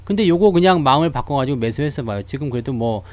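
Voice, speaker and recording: A man's voice: mid-range voice, animated, fast, a little mellow. A man giving casual stock market commentary to his viewers, telling stories in a chatty way and laughing often.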